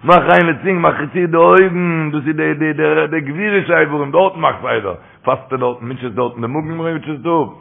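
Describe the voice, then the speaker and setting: A man's voice: a little high, moderate pace, creaky, hardly any pauses. A man giving a religious talk with stories, repeating his phrases as he tells them. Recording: tinny phone-line recording.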